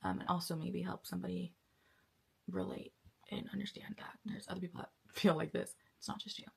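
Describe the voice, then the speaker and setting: A worn-out young woman speaks in a candid, casual vlog, her voice low-set with a gravelly fry and a husky edge. She talks in a loose, chatty way and now and then sinks into a near-whisper. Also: steady tone. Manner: chatty, drawn-out and weary, drifting into soft whispers. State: tired. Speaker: vlogger and actress.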